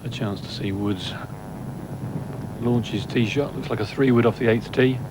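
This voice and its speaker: A man's voice: mid-range voice, normal speed. A man giving analytical live commentary as a golf commentator. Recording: noisy outdoor broadcast ambience. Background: outdoor course ambience.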